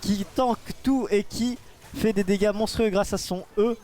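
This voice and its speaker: A man's voice: high voice, fairly even intonation, unhurried, darkish tone, soft background music. A man giving live esports caster analysis, repeating phrases as he searches for words.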